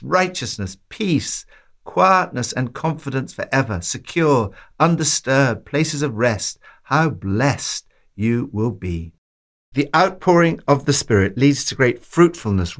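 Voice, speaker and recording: Guy reading a bible devotional, slow and emphatic, mid-pitched voice. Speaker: devotional reader. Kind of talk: scripted devotional commentary.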